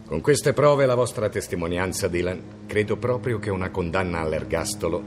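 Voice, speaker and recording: A man's voice: deep voice, expressive, normal speed, faint music behind. An actor playing a smug, confident male police inspector.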